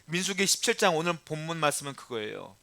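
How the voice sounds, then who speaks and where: A man's voice: on the high side, sing-song, fast, vocal fry, pushed and bright, dry recording. A male pastor preaching a sermon with emphatic rhetorical questions to the congregation, shifting between polite address and blunt plain talk.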